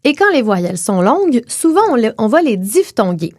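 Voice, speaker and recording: Young Québécois woman, podcast co-host explaining phonetics. Animated, higher voice, teacherly and clear, dry close mic. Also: no echo. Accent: Québécois French. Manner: clear teacherly delivery, slows to model sounds.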